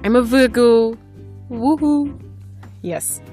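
A woman in her twenties runs a casual solo podcast from a small closet full of clothes at home, rambling and self-mocking in a chatty way. Her voice is on the high side, expressive and fairly bright, at a moderate pace with soft music underneath.

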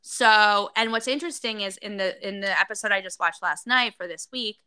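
A woman's voice: medium pitch, brisk, pushed and bright, clean tone, no room sound. A woman co-hosting a casual gossip podcast, recounting a story with lots of fillers. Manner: chatty, recounting with many fillers. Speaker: podcast co-host.

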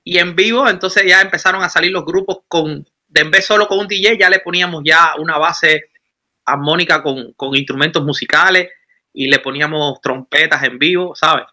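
A Cuban musician in his thirties tells his story in a relaxed, casual interview, speaking Cuban-accented Spanish at normal speed. His voice is very bright and ringing, with a fairly high pitch. Animated and rambling, he restarts his sentences often.

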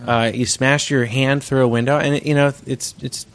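A man's voice: medium pitch, level tone, normal speed. A man co-hosting a live comedy podcast before an audience, playful and dropping into silly voices. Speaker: podcast co-host. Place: hotel room with live audience.

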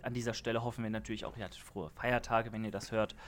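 A man's voice: on the low side, level tone, fast, a little hiss or hum. A young man co-hosting a casual podcast, talking in a rambling way with many fillers and restarts. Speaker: podcast co-host.

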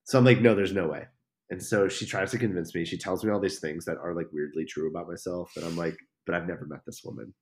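A man's voice: sits low, quick pace. A young man, a podcast guest, telling a story casually, swearing and acting out the people in it. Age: young adult. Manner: animated, swearing, acts out quoted lines.

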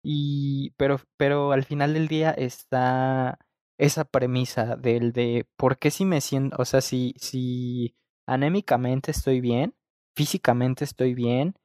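A man's voice: mid-range voice, fairly even intonation, takes it slowly, a little mellow, clear, resonant tone, no echo, clean studio sound. Reflective Mexican man musing. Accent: Mexican Spanish. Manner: reflective, explains with many fillers. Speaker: podcast co-host. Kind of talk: casual chat.

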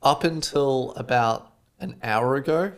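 An Australian man co-hosts a podcast, rambling through stories in casual chat and using "like" as filler frequently. His mid-range voice moves at a measured pace.

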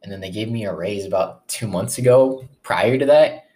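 A young man with a lowish voice rambles through a casual solo podcast. He swears easily and keeps drifting into asides. He is eating as he talks, so chewing sounds slip into his words. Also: normal speed, mellow. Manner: talks while chewing breakfast. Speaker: podcast host.

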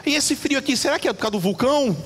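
Male preacher, high bright tone, animated, in an echoing church hall. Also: racing, background noise. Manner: animated, questions the congregation, acts out voices. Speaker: pastor. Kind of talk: lively sermon with audience interaction. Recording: reverberant church hall, faint ambience.

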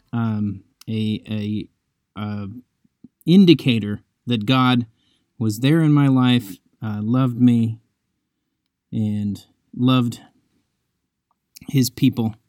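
Brief: male devotional host, mid-pitched, thoughtful and unhurried, dry close sound, faint music underneath. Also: a little mellow, no echo. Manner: reflective and conversational, with many pauses. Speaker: podcast host. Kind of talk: devotional talk and scripture reading.

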